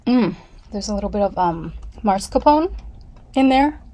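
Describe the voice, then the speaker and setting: A woman's voice: medium pitch, animated, moderate pace, warm tone. A woman vlogging casually from home, reviewing beauty products in a rambling, candid way with self-deprecating asides.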